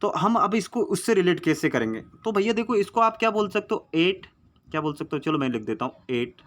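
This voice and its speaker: Brisk and sing-song, a man with a high voice runs a chatty Hindi lesson on exam memory tricks, recorded on a phone. He coaxes his viewers, calls them friend repeatedly, and goes over his mnemonics again and again.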